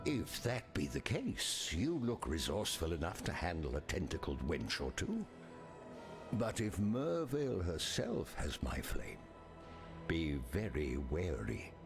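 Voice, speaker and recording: An actor voicing a pompous, theatrical, melancholy ghost of a marooned sea captain in a video game, with florid delivery and breathy endings. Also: male voice, low-pitched, exaggerated voice. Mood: grandiose, wry. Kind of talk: scripted video game character dialogue.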